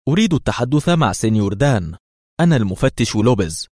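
A man voicing a corrupt, hot-tempered male police inspector who talks in a sneering, sharp way. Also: mid-range voice, big pitch swings, quick pace, no echo, clean studio sound. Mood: tense.

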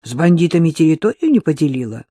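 A man's voice: a little high, sing-song, fast, warm tone, breathy edge, no echo, clean studio sound, heavily acted. A man reading the part of a cheeky young man who teases in slangy speech. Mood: teasing. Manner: teasing, colloquial.

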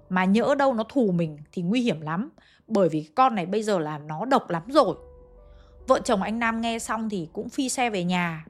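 A woman telling a ghost story, speaking directly to her listeners in a chatty way. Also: medium pitch.

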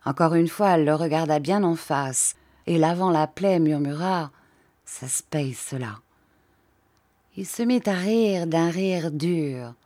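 Low, slow woman reading a story. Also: warm tone. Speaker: reader. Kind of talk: literary audiobook narration.

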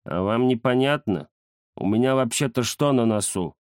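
A man voicing a fat, lazy, pompous ginger tomcat who grumbles slowly and self-importantly. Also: mid-range voice, expressive, no echo, clean studio sound, close to an everyday voice. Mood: grumpy. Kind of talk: audiobook character voice.

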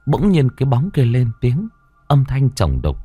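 Lively man telling a ghost story. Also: mid-range voice, unhurried, breathy edge. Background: faint music.

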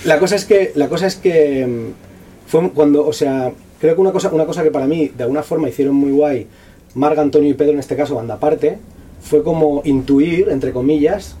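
Man, author at a bookshop event. Rapid, slangy and profane, with a fairly high, mellow voice, picked up from across the room. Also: slightly rough. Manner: fast, slangy and profane, with many restarts. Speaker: author presenting his book. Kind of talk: casual talk at a book presentation. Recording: distant voice with faint room noise.

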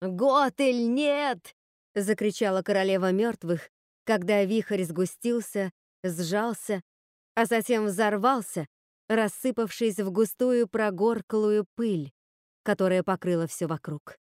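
A woman narrating a dark fairy tale audiobook in a steady, dramatic storytelling manner. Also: mid-range voice, a little slow, no room sound, clean studio sound.

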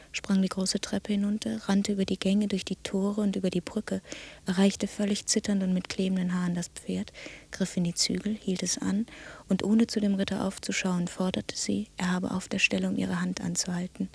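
An actress narrating a grim fairy tale in a radio play, hushed and often half-whispered. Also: female voice, mid-range voice, little pitch movement, normal speed, creaky, slightly rough. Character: storyteller woman reciting a grim fairy tale. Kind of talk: scripted narration.

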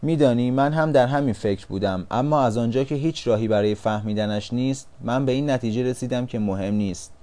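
A man voicing a small, shy yellow caterpillar in a storybook reading, speaking softly in a hushed, low voice. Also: few pauses, lightly acted. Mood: musing.

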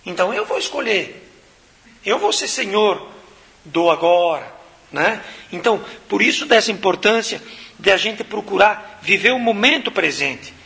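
A man's voice: sits high, expressive, measured pace, vocal fry, sharp tone. A man from southern Brazil giving a spiritual talk to an audience, asking rhetorical questions and answering them in a casual, conversational way. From Rio Grande do Sul, Brazil. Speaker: spiritist lecturer.

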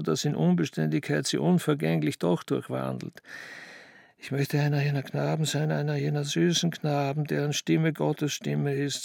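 A man reading literary prose as narrator in a measured, expressive way. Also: on the high side, creaky, no echo, studio quality.

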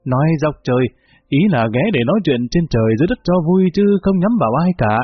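A man's voice: medium pitch, expressive, quick pace, breathy edge, dry recording. A man doing a kindly learned old grandfather. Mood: patient, amused. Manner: patient, explaining. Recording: phone-like lo-fi, faint music.

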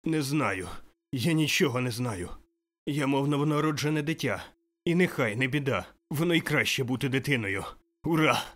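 A man's voice: mid-range voice, animated, normal speed, a bit bright, voice pushed up, lightly acted. Man playing an overjoyed old Scrooge. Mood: giddy, exultant. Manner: exclaiming, breathless, laughing. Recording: faint music behind.

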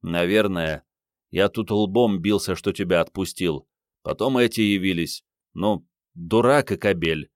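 A man's voice: deep voice, measured pace, dry recording, clean studio sound. A man voicing a sheepish, flustered older department boss in an audiobook, meek and pleading.

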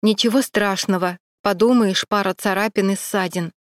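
Woman reading a steady, soothing young man. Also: mid-range voice, moderate pace, no room sound, studio quality, close to an everyday voice. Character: calm, reassuring male camera operator.

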